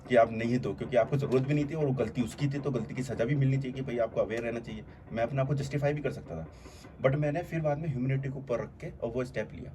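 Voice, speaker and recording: A man's voice: mid-range voice, fast talker. A man who earnestly talks through his thinking in a casual conversation, with many fillers. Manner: reflective, earnest, explaining at length with many fillers. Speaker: channel host. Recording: faint background noise.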